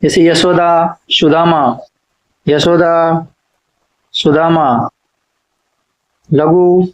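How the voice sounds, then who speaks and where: Slow high-voiced male teacher. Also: level tone, highs cut off. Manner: repeats each rule twice, dictation-like. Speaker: Hindi literature teacher. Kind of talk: exam-prep lecture.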